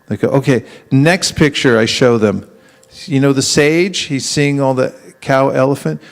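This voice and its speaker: A man's voice: medium pitch, measured pace, vocal fry. A man leading a live teaching seminar. He keeps firing questions at his audience and acts out both sides of short dialogues as he demonstrates. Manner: acts out street exchanges in quoted voices.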